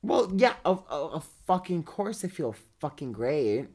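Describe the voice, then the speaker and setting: Slow, blunt man, non-native English speaker. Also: on the high side, sing-song, darkish tone, slightly rough. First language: not English. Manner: blunt, sweary. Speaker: podcast co-host. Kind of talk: casual chat.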